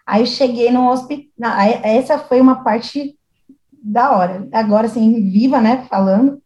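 Uma jovem mulher com sotaque brasileiro contando uma história de forma animada, imitando as vozes das pessoas da história. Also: female voice, fairly high pitch, moderate pace, lo-fi sound. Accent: Brazilian Portuguese. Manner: animated, acts out quoted voices. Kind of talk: casual storytelling chat. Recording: echoey room.

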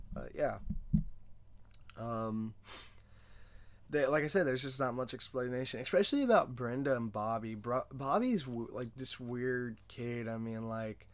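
A man's voice: mid-range voice, gravelly. A young adult man hosting a casual movie discussion podcast, rambling loosely with many fillers and self-mocking jokes. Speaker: podcast host.

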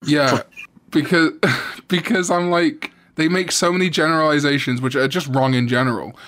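A man's voice: on the high side, fairly even intonation, normal speed, fairly bright tone. Laid-back young Welsh man chatting. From Wales. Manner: laughs often, swears freely, quizzes his friend. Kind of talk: casual chat.

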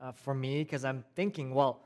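A man preaching a sermon in a conversational way, repeating phrases and swinging between raised emphasis and quiet, soft passages. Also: mid-range voice, steady tone, normal speed. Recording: long hall reverb.

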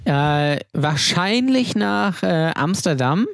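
A man co-hosting a podcast in casual chat, talking in a chatty, halting way. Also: high voice, lively intonation, gravelly, a bit bright, dry recording, clean studio sound. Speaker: podcast co-host.

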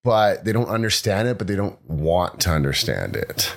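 A man in his thirties from Botswana hosting a podcast, telling stories in a calm, reflective way. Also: low-pitched, moderate pace, gravelly. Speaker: podcast host and life coach. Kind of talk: casual podcast conversation.

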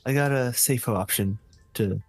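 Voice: mid-range voice, normal speed, breathy edge, soft background music. A player in a tabletop game, talking in a laid-back way. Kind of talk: tabletop role-play chat.

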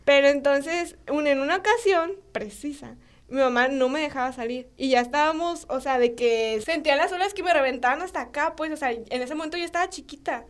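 Her voice is high and brisk, carrying a Mexican Spanish accent. This young woman, a guest on a podcast, chats casually and tells lively stories, performing the characters' lines and filling her speech with fillers.

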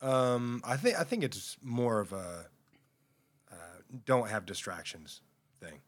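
A man's voice: medium pitch, big pitch swings, slow. A man co-hosting a podcast in casual chat, thinking aloud and musing over questions.

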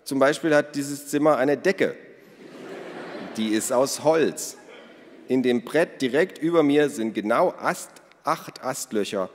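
A man's voice: medium pitch, takes it slowly, a little hiss or hum, voice pushed up, natural voice. Male reader voicing a smug, eager young girl who teases her brother, storybook, reverberant. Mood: teasing. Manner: bright, eager and teasing. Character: cheeky know-it-all girl, teasing and excited. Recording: long reverb.

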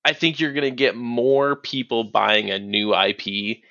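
A man's voice: mid-range voice, a little slow, creaky, pushed and bright, no room sound. A man on a casual gaming podcast, laid-back and joking, on a dull lo-fi mic. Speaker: podcast co-host.

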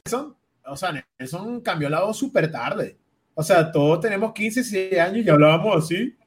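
High, lively Venezuelan man teasing friends. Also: moderate pace, a little hiss or hum. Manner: playful teasing, lively storyteller. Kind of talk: casual chat among friends.

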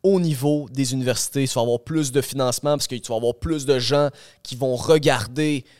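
A man's voice: medium pitch, fairly even intonation, brisk, a little mellow, dry recording, studio quality. A man with a Québécois accent co-hosting a podcast, arguing his point in a loose, filler-heavy way. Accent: Québécois French. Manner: argumentative, loose, full of fillers like "là" and "ok". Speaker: podcast co-host. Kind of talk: casual podcast discussion.

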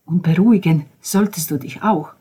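A woman voicing a calm man who gives a friend sober advice, matter-of-fact, in an audiobook. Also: fairly low pitch, moderate pace, husky.

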